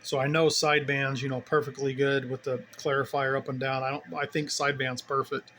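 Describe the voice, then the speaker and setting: A man casually showing his radio setup, talking in a relaxed, rambling way as he thinks aloud. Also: mid-range voice, fairly quick, a little hiss or hum. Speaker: CB radio hobbyist vlogger. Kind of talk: casual hands-on demo.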